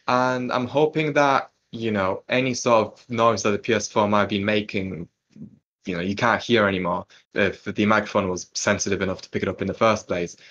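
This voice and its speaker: This young British man, a tech tester in his twenties or so, demonstrates a product offhandedly from his computer desk in a small carpeted bedroom, tossing in dry asides. He speaks at a fairly low pitch with a slightly bright tone, and there's a little hiss or hum. He's picked up by a desktop mic, laptop mic, or phone, which varies.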